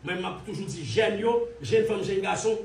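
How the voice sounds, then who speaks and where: Haitian guy ranting online, mocking and repetitive, kinda high voice, far off the mic. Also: moderate pace, gravelly, a little hiss or hum. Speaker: commentator. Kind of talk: heated online commentary. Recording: roomy echo, distant from mic.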